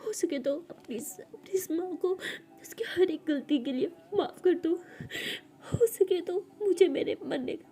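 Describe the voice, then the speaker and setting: A woman's voice: sits high, brisk, warm tone. A woman voicing a remorseful middle-aged mother who pleads through tears in a spoken storybook. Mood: tearful pleading. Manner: tearful pleading, sobbing.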